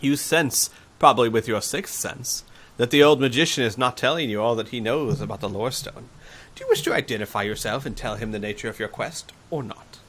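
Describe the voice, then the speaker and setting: A man's voice: mid-range voice, brisk, fairly bright tone. A man hosting a read-through of a fantasy gamebook, narrating and breaking into casual asides. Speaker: host and reader.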